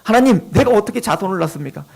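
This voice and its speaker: A man's voice: high-pitched, expressive, fast talker, vocal fry, a little mellow, slightly rough, full character voice. A man voicing Abraham as a doubting, pleading old man in a sermon retelling. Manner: pleading, bargaining.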